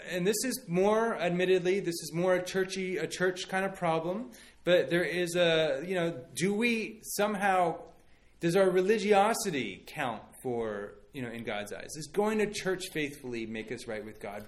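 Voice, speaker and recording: A man in his thirties, a pastor giving a conversational sermon and telling stories with many fillers and restarts. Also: on the high side.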